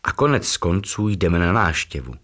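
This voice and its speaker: A man's voice: low voice, big pitch swings, fairly bright tone. Man voicing a cheerful magic elf. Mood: reassuring. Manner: kindly, reassuring.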